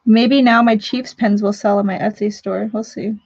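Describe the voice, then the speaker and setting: A woman's voice: mid-range voice, fairly even intonation, normal speed, darkish tone, dry recording, muffled recording. A woman from Missouri hosting a casual live stream talk show from home, chatting, joking and reading out viewer comments. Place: home living room.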